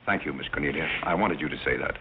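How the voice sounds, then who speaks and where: An actor playing a composed, wise, courteous butler who speaks with measured, understated politeness in a 1930s-style film comedy. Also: male voice, very deep voice, slightly rough. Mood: gracious. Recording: tinny, hissy old film soundtrack.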